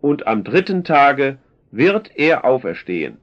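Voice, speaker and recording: A man voicing a calm, authoritative male teacher in a solemn, measured scripture reading. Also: mid-range voice. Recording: dull lo-fi recording.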